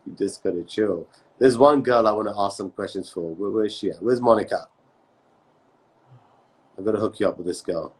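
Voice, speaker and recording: A man hosting a casual live-stream interview, talking in quick bursts full of restarts. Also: lowish voice, darkish tone, slightly rough, low-quality recording. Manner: rapid, halting, many restarts and "man". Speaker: host.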